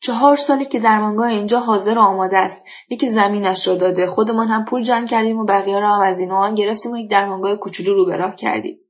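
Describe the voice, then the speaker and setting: A woman's voice: medium pitch, steady tone, close to an everyday voice. A woman reading a story, voicing a talkative, hospitable older village man who speaks emphatically and airs his grievances. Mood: indignant. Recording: dull lo-fi recording.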